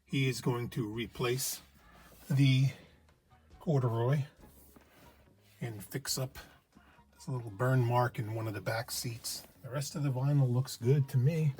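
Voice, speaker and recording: A relaxed, chatty man walks through a hands-on car job in a garage, talking as he works. His voice sits at an ordinary middle pitch. Faint music plays behind him. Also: unhurried, pauses often. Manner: relaxed and chatty, explaining while working. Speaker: host of a car restoration channel. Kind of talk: casual hands-on how-to narration. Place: garage, working inside a car.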